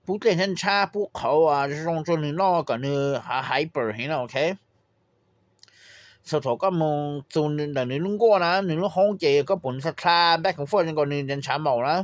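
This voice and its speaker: A man's voice: fairly high pitch, moderate pace, no echo. A man giving a casual spoken lesson on raising birds, switching into English phrases and often checking in with listeners. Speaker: poultry trainer giving advice.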